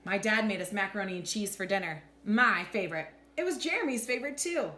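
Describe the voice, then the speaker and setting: Reading from a storybook like a teacher, this woman speaks quickly at a medium pitch and clearly performs the lines with lively expression. Faint background noise and echo fill the room.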